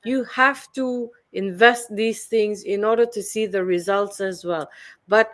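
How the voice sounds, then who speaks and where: A woman's voice: medium pitch, fairly even intonation, measured pace, fairly bright tone. Woman, forties, earnest, persuasive, filler-heavy speech. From Fiji. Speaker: guest, online business mentor. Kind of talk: promotional personal-story talk.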